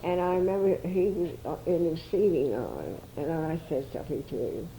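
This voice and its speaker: A woman's voice: low-pitched, expressive, moderate pace, mellow, a little hiss or hum, low-quality recording. An older woman reminiscing chattily as an interviewee, with frequent restarts.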